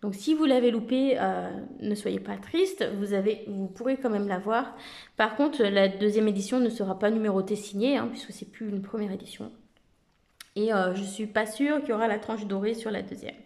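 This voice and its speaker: A woman talks casually to her viewers about her favourite card decks. Her voice sits mid-range with a gravelly, creaky texture. She speaks in a relaxed, chatty way, pausing often on small filler sounds. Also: mid-range voice. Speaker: vlogger reviewing oracle card decks. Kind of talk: casual chat to camera.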